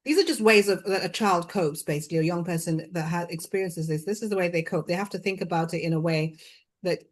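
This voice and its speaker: A woman in her sixties hosting an interview, speaking softly and haltingly with many restarts. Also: lowish voice. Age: 60s. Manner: soft, halting, many restarts and trailing words. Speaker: host. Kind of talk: heartfelt conversational interview.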